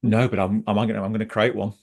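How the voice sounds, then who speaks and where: A man co-hosting an online webinar, talking in a passionate, animated and chatty way as a scrum trainer. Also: lowish voice, fast, creaky. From Britain.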